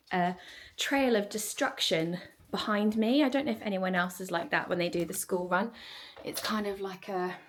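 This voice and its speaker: A woman in her thirties, chatting casually to camera while she tidies her home, upbeat, with quiet asides now and then. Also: medium pitch, background noise. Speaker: vlogger. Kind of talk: casual chat while tidying. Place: home, moving between rooms. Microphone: handheld camera.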